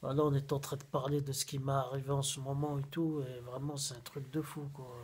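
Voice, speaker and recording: Husky guy in his 30s rambling on in a slangy phone vlog, repeats himself a lot. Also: mid-range voice, level tone, fairly quick, darkish tone. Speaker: vlogger. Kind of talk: casual food-review vlog. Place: small room at home, then a busy fast-food restaurant. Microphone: phone camera at arm's length, then propped on a table.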